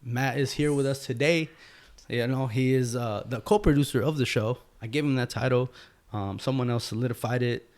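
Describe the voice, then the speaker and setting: A man's voice: medium pitch, normal speed, a little mellow. Guy hosting a podcast at someone's place, easygoing, lots of "you know"s. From Mexican heritage. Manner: laid-back, filler-heavy, says "you know" a lot. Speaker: podcast host. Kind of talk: casual interview chat. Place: guest's home.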